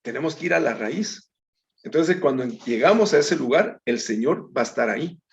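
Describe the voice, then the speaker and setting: A man teaches a Bible study conversationally, calling his listeners brethren and reading scripture aloud with small slips. His voice is on the high side, expressive and gravelly at normal speed, on a dull lo-fi recording.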